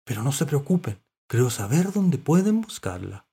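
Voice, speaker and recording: A man voicing a tiny, wise old mollusk who lives underwater and speaks slowly and kindly. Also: very animated, vocal fry, mellow, husky, full character voice. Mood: friendly. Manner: slow, high and kindly.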